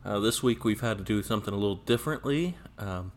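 Fast and animated, a fairly low-pitched male co-host chats casually on a podcast. The recording, made in an echoey church sanctuary, has a little hiss or hum.

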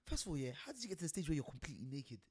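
A man's voice: fairly high pitch, sing-song, very fast, a little mellow, breathy edge. A man with a London roadman accent telling stories casually in street slang, insistent and repeating himself. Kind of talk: casual animated storytelling.

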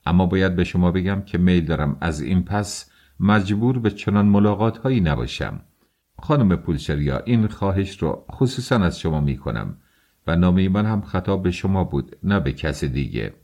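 A man voicing a haughty middle-aged suitor who speaks in a stiff, contemptuous, measured way, in an audiobook. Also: sits low, expressive, dark tone. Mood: cold.

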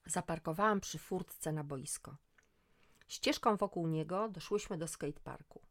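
A middle-aged woman reading a first-person story aloud, lifting her voice for the dialogue. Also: unhurried. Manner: voices dialogue with lively rises in pitch. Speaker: audiobook narrator. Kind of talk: first-person audiobook narration.

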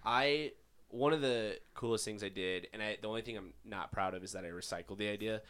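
A man in his twenties co-hosting a casual chat at home, animated and profane, full of "like" fillers, into a big microphone. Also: on the low side, brisk, smooth. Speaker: podcast co-host. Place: home bedroom. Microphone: large studio-style microphone.

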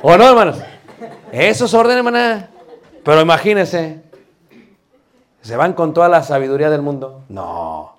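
A man teaches a homiletics class to a church group. He talks in a lively, joking way and keeps calling his listeners brothers and sisters. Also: a little high, moderate pace, pauses often. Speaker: preaching instructor.

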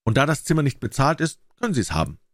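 A man's voice: mid-range voice, sing-song, fast, no echo, studio quality, voice pushed up. A man reading the lines of a respectable, chatty older landlady in an audiobook story.

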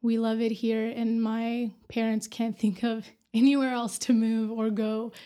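Young woman with a flat, mellow voice. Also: fairly high pitch, unhurried, clean tone. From Afghanistan. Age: 20s. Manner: earnest, plainspoken answers. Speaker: podcast guest, medical student. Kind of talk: casual interview.

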